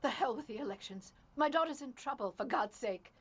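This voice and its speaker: A woman's voice: fairly high pitch, brisk, slightly rough. An actress playing a frantic mother whose daughter is missing, anxious and pleading. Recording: dull lo-fi dubbed film audio with faint hiss.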